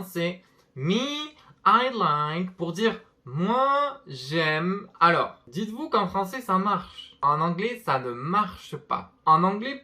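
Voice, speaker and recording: A teacher giving an online language lesson, explaining step by step and saying English examples slowly and clearly. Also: medium pitch, bright, forceful tone. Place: own channel, new and small.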